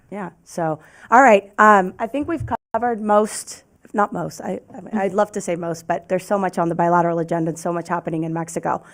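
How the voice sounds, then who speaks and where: A woman moderating a panel discussion with a raspy voice from a lingering cough, brisk and organizing. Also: on the low side.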